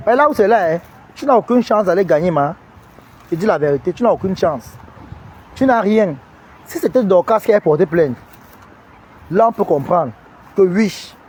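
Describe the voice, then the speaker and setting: A man's voice: sits high, a little mellow, husky. A man giving mocking commentary, scolding and teasing the person he talks to directly. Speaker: online commentator. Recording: wind noise and street sound.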